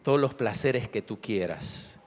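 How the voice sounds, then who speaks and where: A preacher putting on a sly tempter. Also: male voice, animated, unhurried. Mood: coaxing. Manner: low, hushed, coaxing offers. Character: sly tempter bargaining for a soul, male. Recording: long hall reverb.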